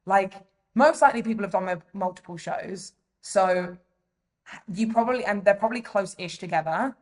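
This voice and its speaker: A woman's voice: medium pitch, moderate pace, a little mellow. Chatty English woman, podcast co-host. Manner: chatty, full of "like" and "you know". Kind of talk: casual chat.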